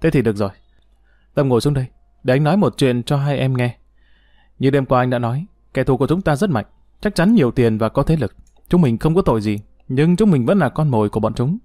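This is a jovial young hero in a spoken storybook, calm and persuasive, taking the lead. He is voiced by the male narrator close to his own tone. The recording is dry and close-miked. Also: mid-range voice, fast, no room sound, natural voice. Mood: assured. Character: confident young man, calm leader, jovial.

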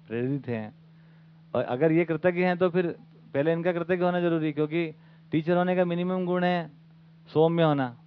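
A man's voice: on the high side, smooth. Man lecturing over a tinny line. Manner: conversational, asks the audience rhetorical questions. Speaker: teacher leading a study camp. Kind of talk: informal lecture to an audience. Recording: phone-like lo-fi recording.

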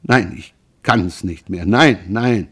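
A man reading the lines of a grieving, frightened mother in an audiobook, in a slow, mournful confessional manner. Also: on the low side, fairly bright tone, breathy edge, heavily acted. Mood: desperate.

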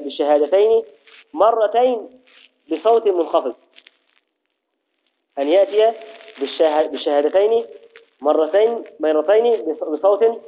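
A man teaching a classroom lesson on Islamic law, repeating key phrases slowly and asking and answering his own questions. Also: high-pitched. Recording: tinny phone-like audio.

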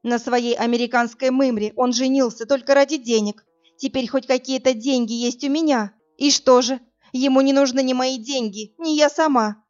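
A woman's voice: high-pitched, steady tone, normal speed, a little mellow, voice pushed up, close to an everyday voice. A woman voicing a desperate young woman on the phone, tearful and pleading, then screaming in anger, in a slightly muffled recording. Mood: despairing.

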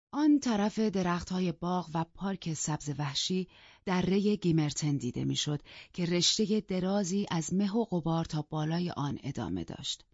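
A woman reading a novel aloud as a first-person audiobook narration, in a measured, steady storytelling manner. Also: lowish voice, breathy edge, no echo. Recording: dull, dry lo-fi studio audio.

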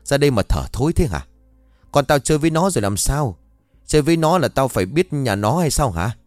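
This is a jittery old village woman in a spoken horror story, voiced by a male narrator. Her voice jumps up high and shrill, and she stammers when scared and snaps when crossed. The recording is dry and close, with faint music underneath. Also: animated, quick pace, darkish tone, dry recording. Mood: angry. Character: frightened village grandmother, sharp-tongued.

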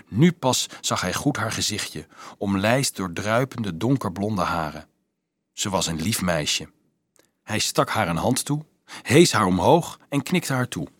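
A man reading a novel aloud as an audiobook narrator, expressive and shifting his voice for the characters. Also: lowish voice, husky, no room sound.

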